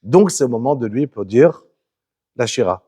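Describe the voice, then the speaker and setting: Animated, husky male Torah teacher. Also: mid-range voice, normal speed. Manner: animated, questioning the listeners. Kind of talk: Torah lesson to a small group.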